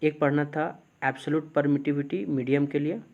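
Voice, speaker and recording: A male physics teacher, giving a classroom lecture. He keeps asking the class questions, answers them himself, and slows down to dictate definitions. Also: fairly high pitch, fairly even intonation, a little mellow, muffled recording.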